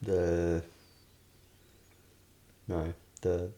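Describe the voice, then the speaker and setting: A man with a low voice chatting casually on a home podcast. He hunts for words, trails off and fills gaps with ums and short laughs. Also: level tone, drawn-out words, warm tone. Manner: hesitant, trailing off with fillers and laughs. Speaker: podcast host. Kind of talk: casual chat.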